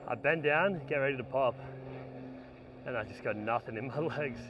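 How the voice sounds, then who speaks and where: A worn-out thirty-something skateboarder talks casually to himself at a sunny outdoor spot as his set-up camera records from a distance. He speaks at medium pitch and a moderate pace, with background noise and the highs cut off.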